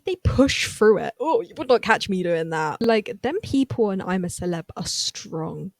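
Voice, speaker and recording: Woman host, chatty TV recap, excitable asides, mid pitch, dry close sound. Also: no room sound. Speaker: recap vlogger. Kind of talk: casual TV recap chat.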